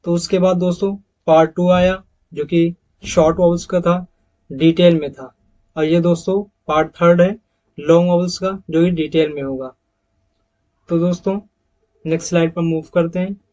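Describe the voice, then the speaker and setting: A man teaching English pronunciation over slides, repeating each example word slowly and calling his viewers friends. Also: high voice, steady tone, darkish tone, muffled recording. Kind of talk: slide-based pronunciation lesson.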